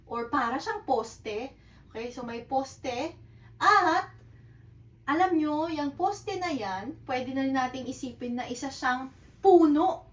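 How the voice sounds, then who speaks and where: A woman's voice: high-pitched, animated, slow pace, reverberant, distant mic, low-quality recording. A woman teaching a beginner lesson in Tagalog mixed with English, patient and repetitive, often checking in with her learners. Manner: patient, repeats and checks with "okay?". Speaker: Japanese teacher.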